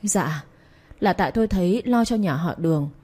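A woman reading the part of an old female servant who hurls abuse and then pleads, in a low, mellow voice. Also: animated, moderate pace, husky. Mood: pleading.

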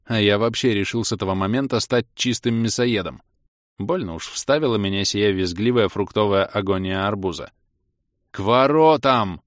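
A man reading a fantasy audiobook in an animated, ironic first-person style into a studio microphone. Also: on the low side, fairly quick, no echo. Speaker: audiobook narrator.

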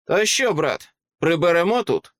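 A taunting killer brother from an audiobook, his voice pushed higher and louder than the narration, mocking and sarcastic in every line, as a man puts him on. He is set in a dry, close sound. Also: big pitch swings, measured pace, no echo.

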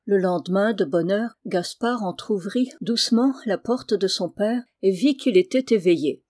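A woman reading a classic novel aloud in calm, even narration. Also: medium pitch, moderate pace. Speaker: audiobook reader. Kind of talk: scripted narration.

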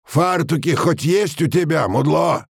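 A man voicing a squat, middle-aged sergeant major who gives crisp military shouts. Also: medium pitch, very animated, takes it slowly, no echo, studio quality, pitched above the performer's own voice, exaggerated voice. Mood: gruff.

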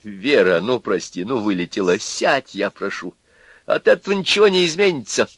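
A man's voice: lowish voice, lively intonation, normal speed, a bit bright, breathy edge, no room sound. Man doing a blustering, cornered husband. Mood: pleading. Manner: blustering, defensive. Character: flustered bullying husband, man, middle-aged.

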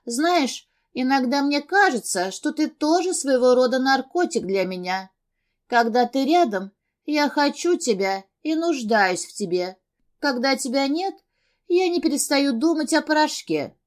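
A woman's voice: a little high, lively intonation, slow, hardly any pauses, pitched above the performer's own voice. Woman doing a clingy, intoxicated young woman. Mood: desperate.

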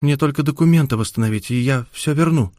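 A man's voice: mid-range voice, fast talker, darkish tone, no echo, studio quality, voice pushed up, close to an everyday voice. A man voicing a teasing, playful young woman in an audiobook. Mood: earnest. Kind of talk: scripted audiobook character acting.

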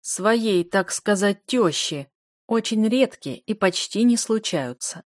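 A woman reading the lines of a worldly, wry man of about fifty in an audiobook, speaking in an unhurried, amused way. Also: medium pitch, lively intonation, no echo, clean studio sound. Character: dry, ironic 49-year-old man, worldly.

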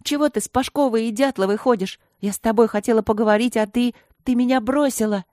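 A woman's voice: fairly high pitch, fast, a little mellow, no room sound, pitched above the performer's own voice, close to an everyday voice. A wounded teenage schoolgirl pleads with her friend, as a woman reading a storybook puts her on. Her voice is raised above the reader's own. The sound is dry and close. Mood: hurt. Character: hurt, tearful teenage schoolgirl.

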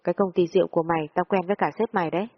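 A woman's voice: on the low side, steady tone, very fast. A woman voicing a threatening male debt-collector thug who bullies a young woman in an audio story. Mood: menacing. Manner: menacing, contemptuous. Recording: dull lo-fi audio with long reverb.

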